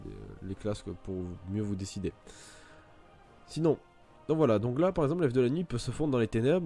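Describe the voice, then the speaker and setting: Rambling man with a mellow voice. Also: fairly low pitch. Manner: rambling, many fillers and restarts. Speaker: gaming video creator. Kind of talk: casual gameplay tutorial commentary.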